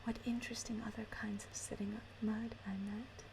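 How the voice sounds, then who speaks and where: A woman whispering softly and breathily in a gentle, deliberate ASMR style, close to the microphone. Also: mid-range voice, flat delivery, background noise. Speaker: ASMR performer. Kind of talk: whispered ASMR, reciting and chatting. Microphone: close microphone, ear to ear.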